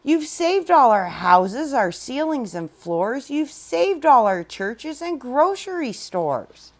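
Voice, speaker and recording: A woman's voice: sits high, very animated, slow, voice pushed up, heavily acted. A woman voicing a tiny, cheerful male mayor who speaks in a piping, grateful tone.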